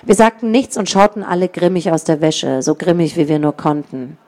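A woman reads a children's adventure story aloud. Her voice is mellow and sits fairly low, and she gives each child and each bully a voice of their own. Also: brisk. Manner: lively reading that voices each child and gang member. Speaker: audiobook narrator.

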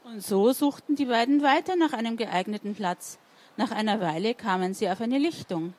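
A woman's voice: fairly high pitch, moderate pace, a little mellow. A woman reading a story to children and asking them questions as she goes. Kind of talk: interactive read-aloud storytelling.

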